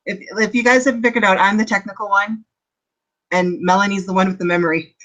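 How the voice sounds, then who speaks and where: A woman's voice: mid-range voice, fairly even intonation, fast, a bit bright. A woman in her thirties from Canada, co-hosting a casual book club live stream, chatty and rambling, with self-deprecating asides. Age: 30s.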